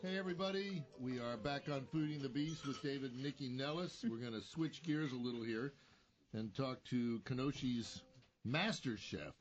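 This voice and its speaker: A man co-hosting a food radio talk show, chatty and quick with jokes. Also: mid-range voice, dull audio. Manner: joking, chatty.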